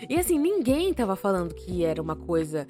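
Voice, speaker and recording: A young Brazilian woman tells a story on a podcast, casual and full of slang and swearing, her voice sitting at a middle pitch. Her loudness jumps up and down as she gets caught up in the tale, and faint music plays softly behind her. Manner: animated, slangy and profane, quick shifts in loudness. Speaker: podcast co-host.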